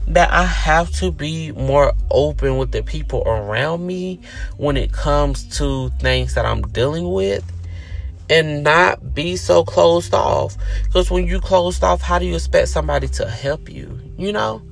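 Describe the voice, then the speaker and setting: A man's voice: on the high side, slow pace, gravelly, soft background music. A man hosting his own podcast, talking earnestly and reflectively in a casual, conversational way. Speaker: podcast host. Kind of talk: reflective solo podcast monologue.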